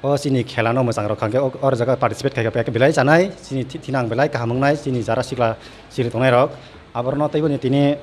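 A young man with a Kokborok accent reporting and asking brisk questions into a handheld mic in an open pavilion. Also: medium pitch, a little hiss or hum. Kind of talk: field interview. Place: open pavilion beside a sports ground.

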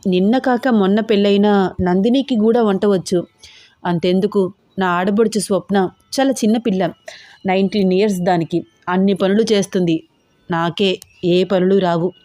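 A young wife in her twenties, pleading and coaxing with a pouty sweetness, as a woman acts her out. Her pitch sits in the middle. The sound is dry and close to the mic. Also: fairly even intonation, moderate pace, dark tone, dry recording, soft background music, close to an everyday voice. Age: 20s.

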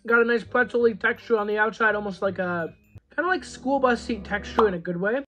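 A young adult man with a high, somewhat bright voice speaks briskly over soft background music on a lo-fi recording. Seated at a table in a small room at home, he chats to a camera across from him, reviewing microwave food in a relaxed vlog full of "you know."

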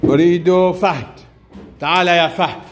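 A man's voice: high-pitched, fairly even intonation, moderate pace, music in the background. A male primary school teacher, giving a classroom reading lesson and prompting and praising pupils in short commands.

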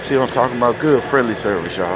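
A man from North Carolina, a truck driver casually vlogging to viewers in an animated, folksy way. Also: mid-range voice, rapid-fire, noisy background. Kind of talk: casual vlog talk to viewers. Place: truck stop, indoors and outdoors in the lot.

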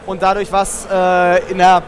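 A man's voice: high voice, monotone, measured pace, crowd noise. A man in his thirties giving casual live commentary and asking questions as a show host. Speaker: game show host and player. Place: open booth at a games convention. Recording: noisy trade fair hall.

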